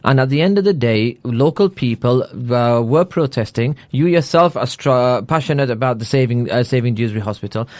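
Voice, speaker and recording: A man's voice: medium pitch, animated, a little fast, few pauses, a little mellow, no echo. Male radio host, studio, dry close sound, persistent questioning, hesitant fillers. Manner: pressing, repeats the question, fills with uh and sorry. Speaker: radio interviewer. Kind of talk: probing political interview.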